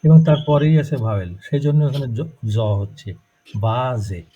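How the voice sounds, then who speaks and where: Speaking briskly with a dark tone and a slightly high pitch, a Bangladeshi Bengali-accented man walks students through German pronunciation step by step during a live class, checking in with them along the way. The audio is muffled and lo-fi.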